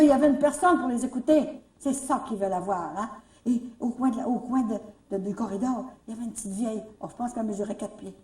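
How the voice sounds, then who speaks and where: A woman with a Canadian French accent telling faith stories at a retreat, lively, repeating herself and rising into exclamations. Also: a little high. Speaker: retreat speaker. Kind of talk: storytelling talk. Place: retreat hall. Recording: echoey room, mic far off.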